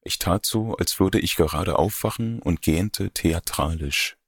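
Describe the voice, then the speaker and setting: Deep husky man narrating a story. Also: dry recording, studio quality. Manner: measured, wry, introspective. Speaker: audiobook narrator. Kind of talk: first-person literary narration.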